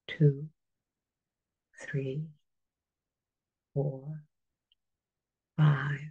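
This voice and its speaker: A relaxation guide leading a guided muscle relaxation in a soft, calm, partly whispered voice, counting slowly to five between steps. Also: mid-range voice, vocal fry, husky, lo-fi sound.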